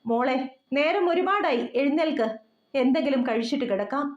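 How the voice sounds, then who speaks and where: A woman's voice: sits high, animated, brisk. Woman reading as a caring brotherly man. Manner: gentle, coaxing. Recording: roomy, dull lo-fi.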